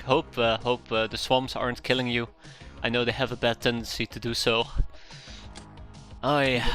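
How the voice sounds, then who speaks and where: A Dutch man from the Netherlands streams a strategy game from a room at home, chatting casually with his viewers. His medium-pitched voice is bright and forceful, and he rambles, corrects himself a lot, and drops chuckling asides as he comments on the game.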